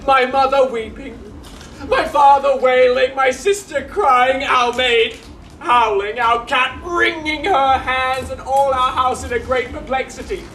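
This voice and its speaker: Man as a wailing clown servant, very high voice, slow delivery, roomy distant stage sound. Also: bright, forceful tone, slight background noise, exaggerated voice. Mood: mournful. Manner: melodramatic wailing, cracks up and fumbles lines. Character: weepy comic male servant, melodramatic clown. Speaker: stage actor. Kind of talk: live Shakespeare comedy performance. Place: theatre performance space. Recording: distant echoey stage recording.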